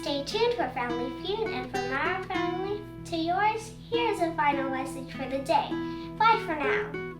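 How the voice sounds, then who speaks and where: A woman plays an upbeat station announcer wrapping up the broadcast, her voice high and lively. The sound is roomy, with loud music beneath. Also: moderate pace. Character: cheerful news station sign-off announcer.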